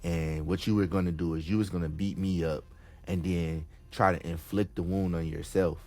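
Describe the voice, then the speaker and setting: A man playing a calm, scheming schoolboy. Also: low-pitched, moderate pace, pitched below the performer's own voice, close to an everyday voice. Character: calm scheming male high school student.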